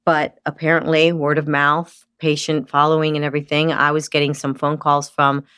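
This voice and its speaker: A woman with a low voice, recorded dry and close to the mic. She is middle-aged and works as a nurse in aesthetic medicine. As a podcast guest, she tells her story in a lively way and acts out the dialogue of the people she quotes. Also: moderate pace, clear, resonant tone, no echo. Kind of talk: casual interview storytelling. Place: podcast studio.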